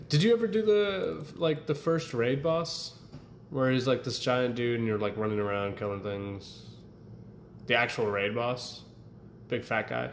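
At a medium pitch and unhurried pace, a young man co-hosts a podcast, chatting casually, rambling through stories, and laughing often. The room is echoey with faint ambient noise.

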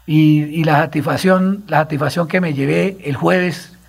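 Agitated, gravelly Colombian man rambling. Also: fairly high pitch, fairly even intonation, a little slow. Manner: rambling, repeating himself, agitated storytelling. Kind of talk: radio talk show conversation.

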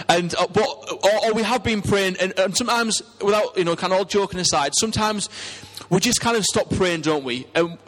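A man's voice: sits high, fairly bright tone. A man with a Teesside English accent preaching a conversational, earnest sermon, putting questions to his congregation. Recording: long hall reverb.

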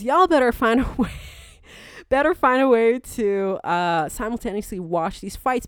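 A woman with a slightly high, clean voice hosts a sports podcast, recorded dry with clean studio sound. She talks about fights in a chatty, enthusiastic, colloquial and casual style.

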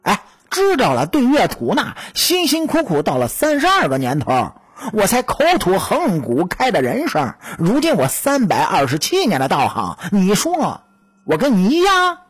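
A woman's voice: medium pitch, huge pitch swings, normal speed, slightly rough, voice pushed down. A woman voicing a cocky, teasing male weasel spirit in a storytelling audiobook. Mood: smug teasing. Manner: teasing, smug, chuckling.

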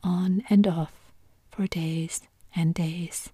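A woman whispering the lines of an unbothered, dull-witted male footman who talks in a flat, unhurried way. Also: lowish voice, slightly rough, no room sound, studio quality, heavily acted. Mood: deadpan.

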